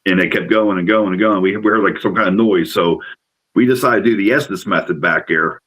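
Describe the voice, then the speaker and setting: A man's voice: low voice, a little fast, husky, rough recording. Man telling a rambling ghost story. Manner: rambling, excitable, repeats words. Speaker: paranormal investigator guest. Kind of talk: casual storytelling.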